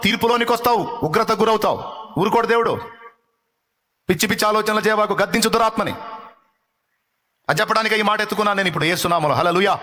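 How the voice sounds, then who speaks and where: A male pastor preaching a fiery live sermon, exhorting and rebuking with rapid repetitions. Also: high voice, sharp tone. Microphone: live-stream microphone.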